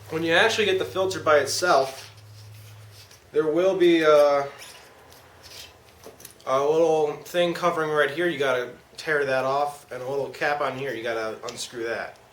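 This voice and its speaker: A man's voice: fairly high pitch, moderate pace, long pauses, fairly bright tone. A man giving a casual, slangy product demonstration as an amateur reviewer. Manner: informal, slangy. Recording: clear background noise.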